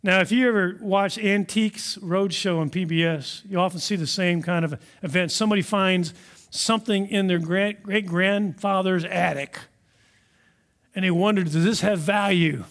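A man preaching a sermon in a conversational, animated storytelling manner. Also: high-pitched, moderate pace. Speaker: pastor.

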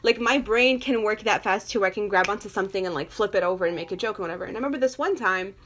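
A woman's voice: mid-range voice, very fast. Chatty young woman telling stories. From Moroccan family, grew up in an English-speaking country. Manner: animated storytelling, lots of fillers, laughs often. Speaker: guest. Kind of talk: casual chat.

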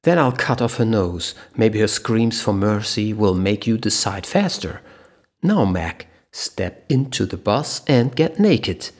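A man voicing a ruthless, calm male terrorist leader in a spoken thriller story, cold and businesslike. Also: fairly low pitch, unhurried. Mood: cold, menacing.

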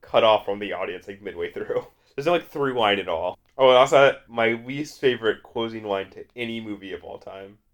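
A man's voice: on the low side, a little fast, hardly any pauses. A man co-hosting a casual film review chat, dry and mocking, with many "like" fillers. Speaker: podcast co-host.

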